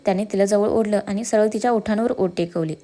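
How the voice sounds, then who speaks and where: A woman's voice: mid-range voice, fast, mellow. Woman narrating a romance story.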